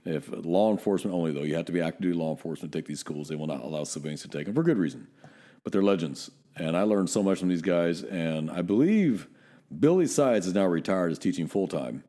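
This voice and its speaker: Deep-voiced blunt cop telling stories. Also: male voice, animated, fast, dark tone. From Northern California. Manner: storytelling, blunt and profane. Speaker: podcast co-host, police officer. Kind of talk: casual podcast chat.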